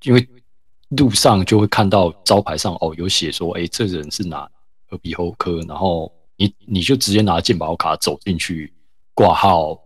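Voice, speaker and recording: A man from Taiwan telling a story in a relaxed, casual podcast chat, with many fillers. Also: low-pitched, normal speed, husky, dry recording. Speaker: podcast co-host.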